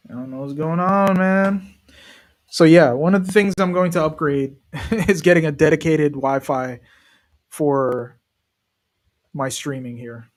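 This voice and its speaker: Chatty man streaming a match. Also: medium pitch. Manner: chatty, talks directly to viewers. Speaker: streamer hosting a match watch-along. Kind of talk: casual live match commentary.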